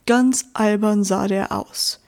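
A woman's voice: medium pitch, fairly even intonation, takes it slowly, a little mellow. A woman voicing a bored, chatty male lump of rock who gossips in a storybook. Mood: gossipy.

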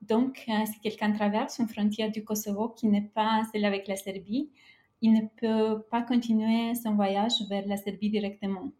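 A woman speaking as a podcast guest, telling a prepared personal travel story in a careful, halting way with frequent hesitations. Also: medium pitch, flat delivery, mellow.

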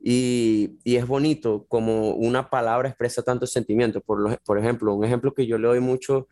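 Relaxed young Venezuelan guy for podcast guest, easygoing talk full of fillers, mid-range voice. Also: medium pitch, brisk. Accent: Venezuelan Spanish. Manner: relaxed, chatty, many fillers like "bro" and "este". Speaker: guest, jiu-jitsu athlete. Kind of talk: casual podcast conversation.

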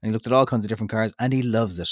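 A man's voice: fairly low pitch, very fast, no echo, clean studio sound. An Irish man co-hosting a motoring podcast in easygoing casual chat, steering things along with a practised radio manner. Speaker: podcast co-host, motoring journalist.

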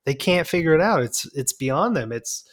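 A man's voice: on the high side, animated, moderate pace. A man co-hosting a podcast, telling stories in casual chat, swearing freely and acting out what people said. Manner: storytelling, acts out quoted dialogue, swears freely. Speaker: podcast co-host.

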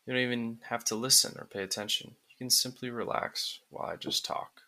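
Gravelly, bright-voiced man narrating sleep relaxation. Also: mid-range voice. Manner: calm, soothing, deliberate phrasing with pauses. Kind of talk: sleep story narration, guided hypnotic relaxation script.

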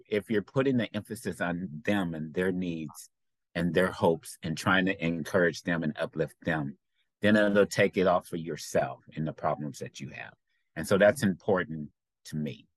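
Man, very deep voice, reflective, unhurried pauses, dry sound. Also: no room sound, low-quality recording. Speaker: guest. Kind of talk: casual talk-show chat.

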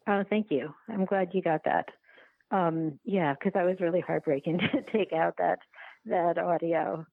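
This documentary filmmaker, a guest on a podcast, speaks in a lowish voice with vocal fry and no room sound, though the line is tinny like a phone. She explains her work casually but haltingly, often starting over and repeating words.

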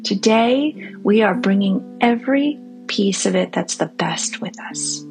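A woman hosting a guided meditation for families and children, speaking gently and reassuringly to listeners, sometimes softening toward a breathy near-whisper. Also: medium pitch, animated, measured pace, over music, low-quality recording.

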